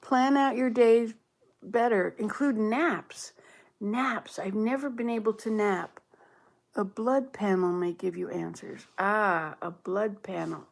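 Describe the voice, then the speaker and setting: A woman's voice: mid-range voice, takes it slowly, vocal fry. A woman in her late sixties from Canada, chatting casually on a livestream, musing aloud and answering viewer comments as she reads them. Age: 60s. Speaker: livestream host.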